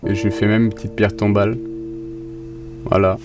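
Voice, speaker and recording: A man's voice: fairly low pitch, flat delivery, normal speed, music in the background. A man telling a personal anecdote in a plain, slightly hesitant way. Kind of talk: casual storytelling.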